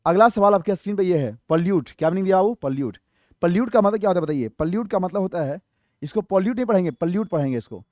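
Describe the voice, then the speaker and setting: High-pitched guy teaching exam vocab, spells words out, dry close mic. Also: expressive, rapid-fire, darkish tone, dry recording. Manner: explains word by word, asks the viewers questions and answers them himself. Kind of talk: exam-prep vocabulary lesson.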